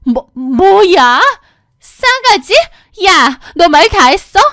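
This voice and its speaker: A woman's voice: extremely high pitch, very animated, drawn-out words, a bit bright, no room sound, clean studio sound, voice pushed up, heavily acted. A woman voicing a domineering middle-aged mother-in-law who scolds shrilly, in a storybook drama. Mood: scolding outraged.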